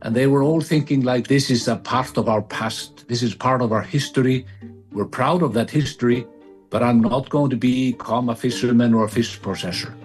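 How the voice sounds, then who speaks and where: A man from Iceland, mid-pitched, recalls his story in an interview clip, pausing and restarting as he goes. Faint music sits under his voice. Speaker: interviewee, founder.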